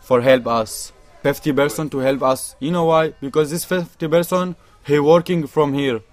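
A young Syrian man speaks in broken, non-native English with an Arabic accent, his voice sitting a touch higher than most men's. He talks earnestly and with emphasis, circling back to repeat his points. He sounds like a refugee telling his own story to an interviewer. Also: steady tone, normal speed, soft background music. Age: young adult. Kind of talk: impassioned testimony in broken English.

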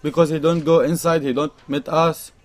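A young Syrian refugee recounts his own story to an interviewer in broken English with an Arabic accent, his voice slightly higher than most men's. Though his delivery is flat and his pace moderate, he speaks with earnest, impassioned emphasis and keeps returning to the same points.

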